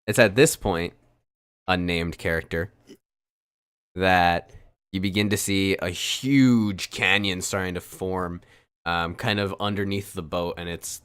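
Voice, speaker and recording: Deep, smooth-voiced male dungeon master. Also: fairly bright tone. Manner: loose narration full of ums and restarts. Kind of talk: narrating a tabletop game.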